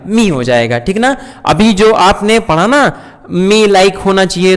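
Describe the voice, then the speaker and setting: A man teaching English grammar at a board, asking questions and repeating key points for his students. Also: high voice. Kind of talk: classroom grammar lesson. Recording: long hall reverb.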